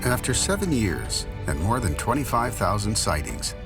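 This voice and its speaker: A man's voice: lowish voice, very animated, normal speed, over music. A man reading scripted narration as the narrator of a nature documentary.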